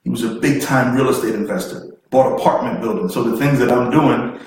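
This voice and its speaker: A man's voice: mid-range voice, fairly quick, a little mellow. A man giving a preachy motivational seminar talk, fervent and repetitive, building in intensity and laughing through his words. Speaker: motivational speaker. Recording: very echoey room, far from the mic, faint noise.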